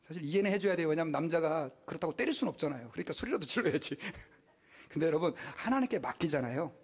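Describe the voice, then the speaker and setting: Man, pastor, 50s, high-pitched, emphatic sermon, rhetorical questions. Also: quick pace, slightly rough. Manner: emphatic, animated preaching with acted-out quotes and rhetorical questions.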